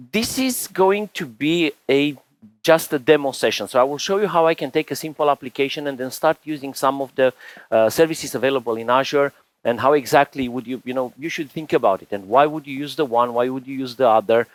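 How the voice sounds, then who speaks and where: Brief: man, 40s, from Romania, conference tech speaker, rambling and chatty, mid pitch, dry close mic. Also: fairly quick, dry recording, low-quality recording. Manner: chatty, rambling, frequent restarts and "you know" fillers. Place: conference stage.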